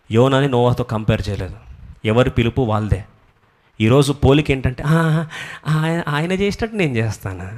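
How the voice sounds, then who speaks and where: A middle-aged man preaching a sermon as a pastor, swinging from low, soft passages up to loud, high-pitched emphasis and mixing English phrases into his speech.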